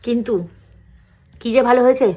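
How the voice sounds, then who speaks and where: A woman's voice: on the high side, little pitch movement, fairly quick, darkish tone. A young woman, vlogging to her viewers in a casual, talkative way, with plenty of fillers. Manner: talkative, addresses viewers directly, many fillers. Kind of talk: casual chatty vlog to viewers.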